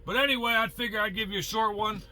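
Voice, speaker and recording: This American man sounds like a trucker giving advice, his high voice very bright and forceful, his intonation fairly even, and his pace fast. In a casual monologue to viewers he's blunt, folksy and opinionated, with mild cursing and questions aimed at the listener. The recording is rough.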